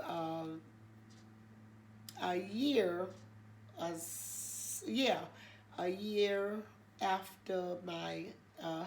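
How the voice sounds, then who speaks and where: Slight background noise accompanies an older woman hosting her own channel as she casually recounts something that happened at church. Her fairly low voice is gravelly, nasal and congested, and her rambling talk is packed with fillers.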